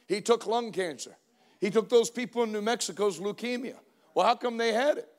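A man in his forties preaching a sermon, energetic and joking, calling out to the congregation for responses. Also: sits high, brisk. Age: 40s. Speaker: pastor.

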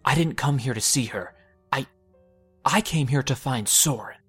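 A man's voice: medium pitch, moderate pace, a bit bright, husky, soft background music. A man reading a story, voicing a young mage whose voice grows grating and accusing. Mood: defensive. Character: young man, a frightened mage turning furious.

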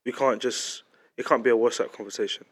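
A man's voice: medium pitch, steady tone, fast, fairly bright tone, husky. A young man with a London roadman accent, chatting casually as a podcast co-host and repeating phrases for emphasis. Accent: London, urban street slang. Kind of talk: casual group chat.

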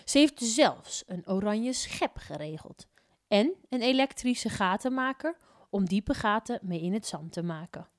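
A woman reading a children's story aloud in an expressive way, slipping into whispers at tense moments. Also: mid-range voice, a little slow, no room sound, clean studio sound.

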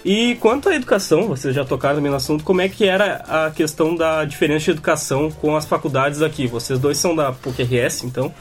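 A man's voice: on the high side, quick pace, few pauses. Southern Brazilian man hosting a casual chat, long rambling questions, faint music behind. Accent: southern Brazilian Portuguese. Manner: rambling, conversational. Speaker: host. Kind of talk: casual podcast interview.

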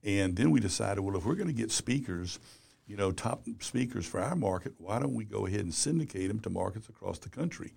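Gravelly older man rambling in an interview. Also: on the low side, animated, fairly quick, darkish tone. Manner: rambling, peppered with "you know". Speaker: business publisher and columnist. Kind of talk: casual interview talk.

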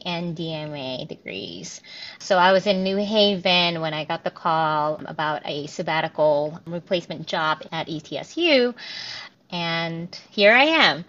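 Thirtyish woman professor chatting easy w lots of ums, kinda muffled low-fi sound. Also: fairly bright tone. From Korea, raised in New Jersey. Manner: chatty, many ums and restarts. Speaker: piano professor, guest. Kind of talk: casual interview answers. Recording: dull lo-fi audio.

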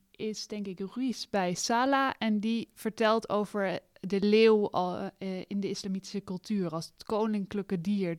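Female guest, crisp voice, dry close sound, halting and reflective in a book chat. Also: medium pitch, no echo. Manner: hesitant, many fillers. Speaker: discussion guest. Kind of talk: casual book discussion.

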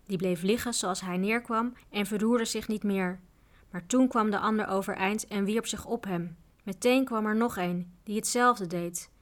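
A woman narrating a children's adventure book aloud in a steady, even reading voice. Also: mid-range voice. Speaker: audiobook reader. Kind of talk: storybook narration.

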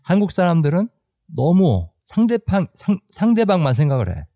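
A man's voice: high voice, wildly swooping pitch, normal speed, dark tone, no room sound, clean studio sound. A man hosting a podcast, speaking emphatically and repeating phrases for effect. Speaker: host.

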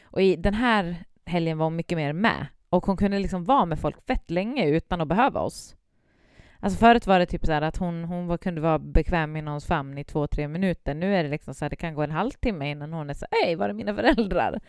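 Chatty woman with a smooth voice. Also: low voice, no echo, studio quality. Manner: chatty, rambling with many fillers. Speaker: parent. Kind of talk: casual chat.

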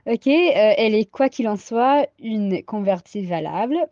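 A woman with an American accent, sick with a cold, teaching a daily Talmud lesson. She reads each Aramaic line and then translates it haltingly, with many fillers. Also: mid-range voice, expressive, a little mellow, dry recording. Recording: dull lo-fi sound.

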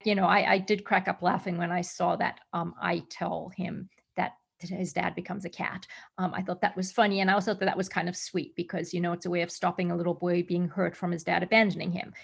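A middle-aged actress from Zimbabwe and Australia, chatting in an interview with lots of fillers and restarts. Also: female voice, lowish voice, level tone, fairly quick, creaky, hardly any pauses, breathy edge. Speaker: actress guest. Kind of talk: casual interview answers.

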